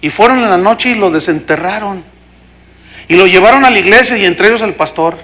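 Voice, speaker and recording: Mexican pastor preaching, high bright voice, tells stories and does the voices. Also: male voice, brisk. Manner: animated storytelling, acting out voices. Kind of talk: sermon.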